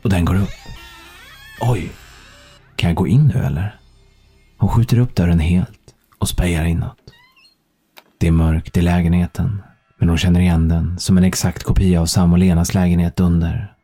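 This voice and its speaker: Deep, flat-voiced male audiobook narrator. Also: husky, faint music behind. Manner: calm, measured, even storytelling.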